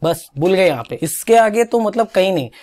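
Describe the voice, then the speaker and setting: A man's voice: high-pitched, normal speed. A young Indian man giving an exam-prep English grammar lesson, coaxing students to repeat words after him and correcting their pronunciation. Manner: animated, coaxing, drills pronunciation with repetition. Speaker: English teacher.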